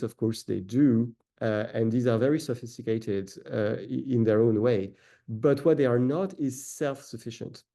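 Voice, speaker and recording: A researcher giving an academic talk speaks English with a French accent, French being his first language. His voice is mellow and medium-pitched, full of "uh" fillers and self-corrections.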